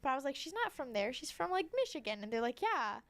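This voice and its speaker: A woman's voice: high-pitched, big pitch swings, fast, fairly bright tone, dry recording. A woman co-hosting a podcast, telling stories in casual chat with lots of fillers and restarts. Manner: chatty storyteller, many fillers. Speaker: podcast co-host.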